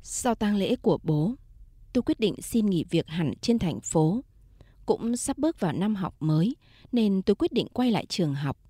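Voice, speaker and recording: A woman storyteller reading a first-person country story in a calm, measured way. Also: mid-range voice, breathy edge, dry recording. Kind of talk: first-person scripted narration of a late-night story.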